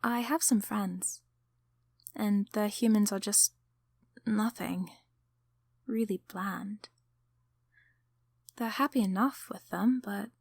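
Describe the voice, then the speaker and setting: A woman gives voice to a caring sleep paralysis demon in ASMR style, her words tender and encouraging, soft and often whispered. The pitch sits in the middle range with noticeable vocal fry, and the audio has no echo.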